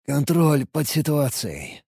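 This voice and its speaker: A man's voice: on the high side, sing-song, slow, warm tone, dry recording, clean studio sound, heavily acted. A man voicing a dazed young man in pain in an audiobook, strained, with words jumbled. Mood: reassuring. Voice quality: gravelly, raspy. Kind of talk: audiobook character voice.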